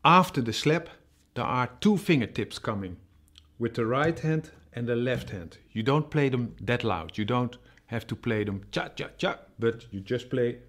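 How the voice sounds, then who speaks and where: A man teaching a cajon rhythm, explaining slowly and patiently with many fillers and spoken drum sounds. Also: mid-range voice, fairly bright tone, a little hiss or hum. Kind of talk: music tutorial.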